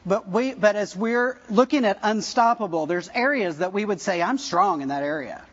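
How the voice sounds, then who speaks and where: A pastor in his fifties talks casually to his church during a sermon, cracking jokes and asking questions. His voice sits high, with a fairly bright tone, animated delivery and normal speed, though the audio is dull.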